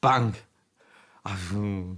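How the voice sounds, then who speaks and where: A man's voice: lowish voice, drawn-out words, fairly bright tone. A man in an interview, telling anecdotes and acting out remembered conversations. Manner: anecdotal, acts out quoted dialogue. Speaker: interviewee, former player. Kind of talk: storytelling interview.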